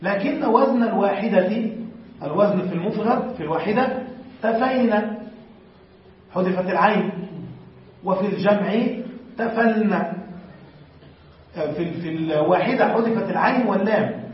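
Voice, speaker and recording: A man's voice: sits high, normal speed, pauses often. A man teaching a live classroom lesson on Arabic word forms, quizzing students and repeating and correcting their answers. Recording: echoey room, distant mic, dull lo-fi, faint noise.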